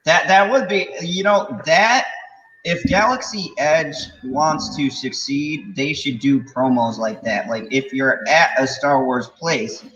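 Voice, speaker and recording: A man's voice: a little high, takes it slowly, fairly bright tone, muffled recording. A man hosting a casual live reaction stream with sarcastic, sweary, teasing chat, sounding like he is in an empty warehouse. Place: echoey, empty-sounding room. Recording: echo like an empty warehouse, clear background noise.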